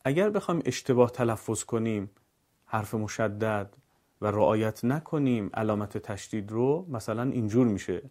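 A man with an Iranian Persian accent teaching Quran recitation. He explains calmly, then drills syllables and words slowly, loudly and drawn out. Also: fairly low pitch. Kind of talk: scripted lesson with slow drilled recitation.

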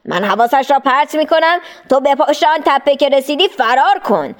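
A woman's voice: high voice, lively intonation, voice pushed up. A woman voicing a scheming, mocking male devil in a storybook reading, drawn out and taunting. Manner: taunting, drawn-out, with sneering laughs.

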